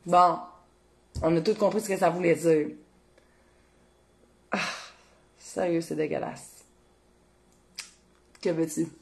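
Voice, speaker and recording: A woman's voice: on the low side, fairly even intonation, slow, vocal fry, pauses often, a little mellow. A Québécois woman hosting a cooking livestream, chatting casually and expressively, addressing viewers and reading their comments, with a casual swear now and then. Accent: Québécois French. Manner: talks straight to viewers, reads their comments. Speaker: cooking show host.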